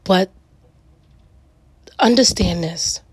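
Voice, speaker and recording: A middle-aged woman with a raspy, gravelly voice hosts a solo reflective talk, speaking earnestly and emphatically in weighty repeated phrases. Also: fairly low pitch, drawn-out words, darkish tone, no echo. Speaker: podcast host.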